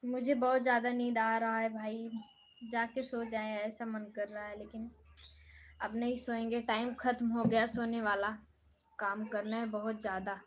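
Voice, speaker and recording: A woman's voice: fairly high pitch, level tone, normal speed, slight background noise. Irritated young woman live streaming. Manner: angry, scolding a troll, then dismissive. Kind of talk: live stream chat reading comments.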